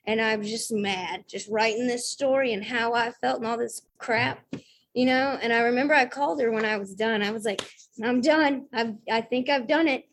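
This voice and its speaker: A woman's voice: fairly high pitch, a little fast, a bit bright, a little hiss or hum. A woman from the American South telling her own story at a recovery meeting, chatty and self-deprecating, full of fillers and little acted-out quotes. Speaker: speaker sharing at a recovery meeting. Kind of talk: casual personal testimony.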